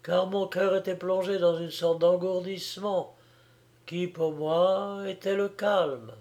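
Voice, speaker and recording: A man reading an audiobook, voicing a gentle young woman who pleads tenderly and softly. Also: high-pitched, slow, pitched above the performer's own voice. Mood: tender, sorrowful.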